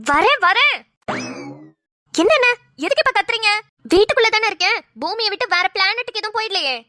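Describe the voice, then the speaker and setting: A woman voicing a sarcastic, sharp-tongued mother in a cartoon who teases and argues. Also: very high-pitched, animated, fairly quick, dry recording, studio quality, full character voice. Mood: argumentative. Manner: sarcastic, teasing. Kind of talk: Tamil cartoon voice acting.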